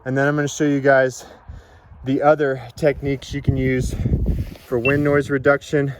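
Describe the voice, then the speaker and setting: A man's voice: mid-range voice, monotone, moderate pace. A man giving a casual, informal product demonstration in an instructional way, as a reviewer.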